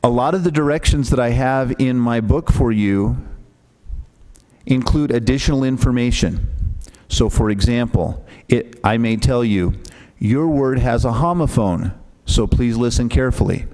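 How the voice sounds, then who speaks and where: A man's voice: mid-range voice, moderate pace, darkish tone. A man acting as pronouncer who patiently explains the rules to young spellers before a spelling bee, speaking into a microphone and often checking in with "okay?".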